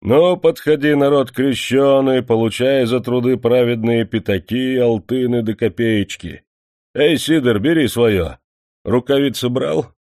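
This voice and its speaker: A man's voice: medium pitch, darkish tone, no echo, clean studio sound, voice pushed up, natural voice. A man reading an audiobook who voices a greedy, hypocritically pious factory manager, scolding and mocking the workers. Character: pompous sanctimonious male factory manager, greedy. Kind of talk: audiobook character voice.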